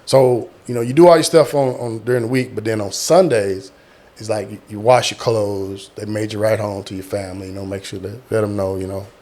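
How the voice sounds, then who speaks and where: A man's voice: lowish voice, fairly quick. Middle aged guy w just telling his stories, acts out the quotes, repeats words for punch. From small-town Texas, United States. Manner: animated retelling, acting out quotes, repeating words for emphasis. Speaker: guest, military veteran. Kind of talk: casual personal storytelling.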